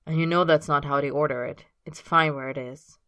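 A calm, affectionate young husband who speaks simply and without fuss, as a woman reader plays him. The voice sits low and clear, with no room sound at all. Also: fairly quick, no room sound, clean studio sound. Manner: matter-of-fact and low-key.

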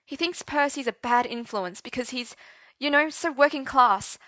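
Anxious schoolboy, voiced by a woman: high, tense, panicky pleading. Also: fairly quick, pushed and bright, breathy edge, no echo. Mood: panicked. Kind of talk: audiobook character voice.

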